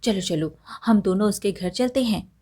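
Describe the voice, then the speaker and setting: A woman's voice: mid-range voice, moderate pace, warm tone, natural voice. A woman voicing a clever young village man who teases and accuses his neighbor, in a storybook reading. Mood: teasing.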